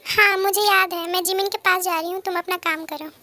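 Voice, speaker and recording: A woman's voice: extremely high pitch, fairly even intonation, a little fast, bright, forceful tone. A woman plays a sly, jealous teenage girl in on a scheme.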